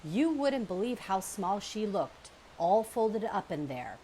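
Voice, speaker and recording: A woman's voice: medium pitch, sing-song, takes it slowly, dark tone, a little hiss or hum. A woman voicing a big, friendly female otter in a storybook reading, chatty and bubbly.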